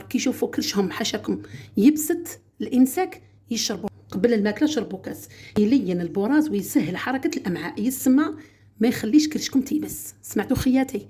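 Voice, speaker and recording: Fast-talking husky Algerian woman. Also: a little high, dark tone. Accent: Algerian Arabic. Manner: chatty, repeats "my sisters" to viewers. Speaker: home remedy cook. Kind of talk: casual how-to demonstration.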